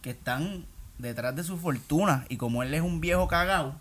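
A man's voice: fairly high pitch, normal speed, a bit bright. A man with a Puerto Rican accent co-hosting a casual comedy podcast, irreverent and profane with a mock-solemn delivery. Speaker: podcast co-host.

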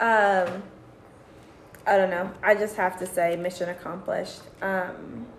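A woman teacher chatting as a guest interviewer, hoarse from yelling, heartfelt with many fillers. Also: lowish voice, level tone, slow pace, a little hiss or hum. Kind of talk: casual podcast chat. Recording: echoey room.

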